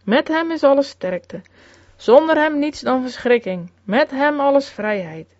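A woman reading an old-fashioned sermon aloud in a solemn, measured way with archaic phrasing. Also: high voice, lively intonation, a little mellow, no echo. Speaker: sermon reader. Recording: dull, lo-fi recording, dry.

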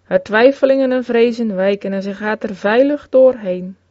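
A woman's voice: on the high side, a little mellow, no room sound. Woman reading an old sermon solemnly. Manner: solemn, measured reading with archaic phrasing. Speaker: sermon reader. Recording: dull, lo-fi recording, dry.

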